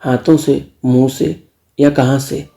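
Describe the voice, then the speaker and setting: A man's voice: mid-range voice, little pitch movement, unhurried, creaky, mellow. Man doing a cheeky young nephew. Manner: cheeky, defiant.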